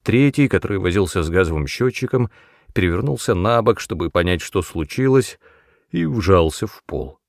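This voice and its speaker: A man narrating an audiobook in a steady, measured reading voice. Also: on the low side, no echo, studio quality.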